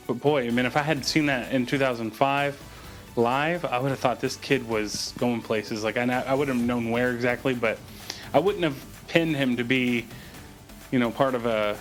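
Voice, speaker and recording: A man hosting a reaction video, commenting in a reflective, hesitant way. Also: medium pitch.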